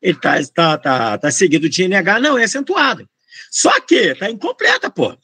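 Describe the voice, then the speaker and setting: A high-voiced Brazilian man with a gravelly, husky edge, swinging his pitch up and down as he works through grammar questions. He speaks in a Brazilian Portuguese accent, in a loose, slangy teaching style full of asides to the class. The sound is dry and close. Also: moderate pace, no room sound. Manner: slangy, lively, rambling, addresses students as gente. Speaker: Portuguese tutor for exam candidates. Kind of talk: informal grammar lesson.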